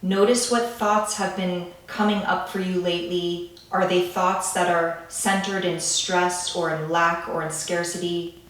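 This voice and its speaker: Calm lady doing a grounding meditation, soft soothing delivery, super echoey and kinda far from the mic. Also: on the low side. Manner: gentle, soothing, unhurried phrasing with pauses. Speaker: meditation guide. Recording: echoey room, distant from the mic.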